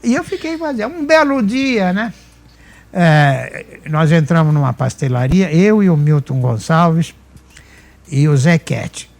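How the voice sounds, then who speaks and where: An older Brazilian man with a caipira São Paulo countryside accent appears as a humorist guest, telling anecdotes. He is a lively storyteller who acts out the dialogue, in a fairly high, gravelly, unhurried voice.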